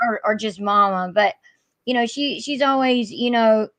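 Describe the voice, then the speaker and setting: A woman with a deep Southern US accent, chatting casually and earnestly on a live stream as a channel creator. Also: normal speed, fairly bright tone.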